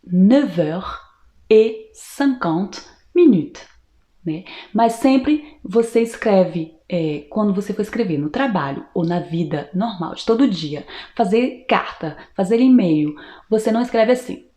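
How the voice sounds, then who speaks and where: A Brazilian woman teaching a language lesson with a patient, explanatory manner, slowing down to model each word. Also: mid-range voice, animated, dark tone, echoey room. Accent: Brazilian Portuguese. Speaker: French teacher.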